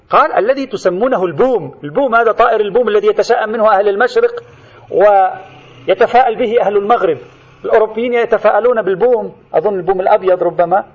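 A man lecturing as a religious scholar on jurisprudence, reading out old narrations and explaining them in plainer words. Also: high-pitched. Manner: explanatory, restates quoted texts in plain words. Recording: dull lo-fi recording.

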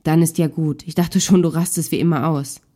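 A woman's voice: deep voice, fairly even intonation, brisk, mellow, pitched below the performer's own voice. Woman voicing a needling husband in a row. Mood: irritated. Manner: defensive, dismissive, needling. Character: irritated husband in a marital spat.

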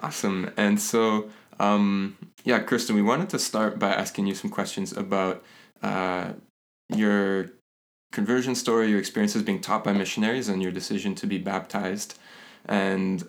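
A man hosting a casual interview podcast, talking in halting, pause-filled phrases. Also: fairly low pitch, steady tone. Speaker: podcast host.

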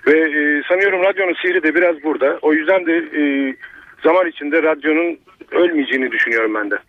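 A man calling in over a landline phone to a live radio show, speaking in a quick, thoughtful way with filler pauses. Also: on the high side, no echo, narrow, tinny audio. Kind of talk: casual live phone-in chat.

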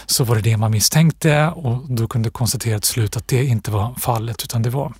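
A man being interviewed as an author, talking reflectively with pauses and restarts. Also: medium pitch, a little mellow, breathy edge, no room sound, studio quality. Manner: thoughtful, pausing, with restarts and fillers. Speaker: author, guest.

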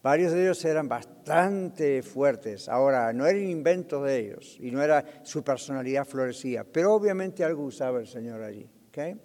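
A man's voice: medium pitch, lively intonation, moderate pace, few pauses, a little mellow, in a large hall. A man, a pastor, teaching a Bible study lesson, explaining and checking in with his class. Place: church.

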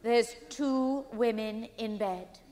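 A dark, breathy fortune-teller. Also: female voice, on the high side, slow pace, big-room sound. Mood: excited. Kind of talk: radio play acting.

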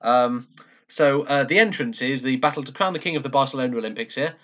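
A man's voice: medium pitch, quick pace, fairly bright tone. Dry-witted man hosting a podcast. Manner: dry, wry humor, many fillers. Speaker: podcast host. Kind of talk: casual chat reviewing a fight. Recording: dull lo-fi podcast audio.

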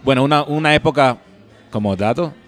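A young man from Ecuador, chatting as a musician guest in a relaxed, rambling way full of fillers. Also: mid-range voice, brisk, faint music behind. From Guayaquil, Ecuador. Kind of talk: casual interview chat.

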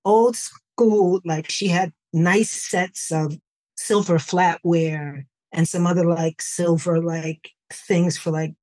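Storytelling New woman, lowish voice. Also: takes it slowly. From New York, USA. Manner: relaxed storytelling with frequent "like" and "you know". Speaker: podcast guest. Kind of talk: conversational interview.

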